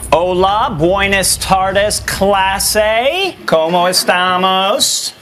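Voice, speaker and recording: A peppy gringo Spanish teacher. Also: male voice, high-pitched, drawn-out words, bright, forceful tone, full character voice. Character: overly peppy male teacher with a heavy English accent. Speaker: Spanish teacher in a comedy sketch. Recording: sketch clip with audience.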